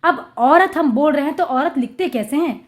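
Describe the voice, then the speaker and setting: A woman teaching a Hindi lesson to young children, sounding out syllables slowly and patiently, repeating each word with emphasis. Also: high-pitched, animated. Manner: addresses children directly, patient explaining. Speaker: primary school Hindi teacher.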